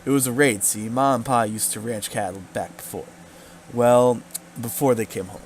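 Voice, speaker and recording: A bitter, grieving woman rancher speaks bluntly in rough rural grammar, read by a man in his ordinary voice. Her middle-pitched lines come from a video game. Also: steady tone, moderate pace, slight background noise, natural voice.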